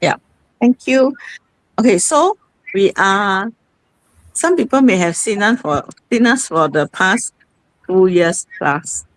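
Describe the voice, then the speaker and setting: A woman's voice: mid-range voice, animated, slow pace, pauses often, dry recording, poor audio. A woman, hosting an online sharing session in a rambling, conversational way. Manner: conversational, rambling with many fillers. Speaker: host.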